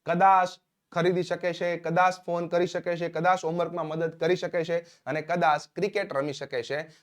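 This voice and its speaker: A man leads a spoken English lesson in a fairly high voice. He keeps things upbeat, cueing each new example and spelling out the English sentences slowly, word by word. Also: flat delivery. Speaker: English teacher.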